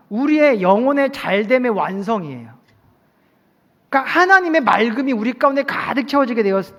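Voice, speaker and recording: A male pastor preaching a sermon in an animated way to his congregation in a church. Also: high voice. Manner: animated preaching, acting out short everyday quotes. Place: church sanctuary at a night service. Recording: long church hall reverb.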